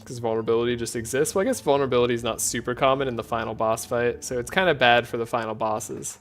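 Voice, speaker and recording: A man streaming a card game, talking in a soft, relaxed, sleepy way with frequent chuckles. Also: mid-range voice, fast. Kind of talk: relaxed gameplay commentary.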